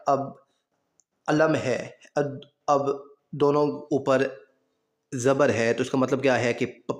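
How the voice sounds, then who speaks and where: Male teacher explaining grammar in an echoey room. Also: medium pitch. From Pakistan. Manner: explains step by step, often checks with "theek hai". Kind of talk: exam-prep grammar lesson.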